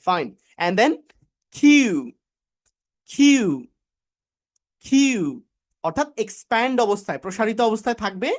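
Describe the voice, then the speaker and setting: A woman from Bangladesh leads a live online pronunciation class. She drills each word over and over in a voice that swoops up and down, and she drops English phrases into her explanations. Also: mid-range voice. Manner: drills words by repeating them slowly, coaxing learners.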